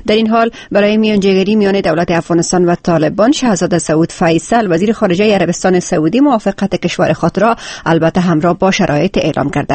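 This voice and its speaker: A man's voice: sits high, a little mellow, dry recording. A man anchoring a radio news program, speaking steadily and formally, with occasional hesitations.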